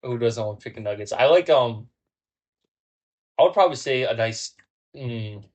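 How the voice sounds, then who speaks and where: A young man of medium pitch with a husky, unpolished voice. He sounds tipsy as he hosts a casual drinking-game chat, often halting and restarting the same phrase. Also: animated, darkish tone. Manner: tipsy, halting, repetitive talk while drinking. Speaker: podcast co-host. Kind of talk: casual banter over a drinking card game.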